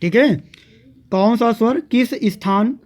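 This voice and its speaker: A man teaching a grammar lesson, speaking slowly and patiently and repeating each definition so that students can write it down. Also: extremely high pitch, darkish tone. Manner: slow and patient, repeating definitions for note-taking. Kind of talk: classroom lecture on grammar.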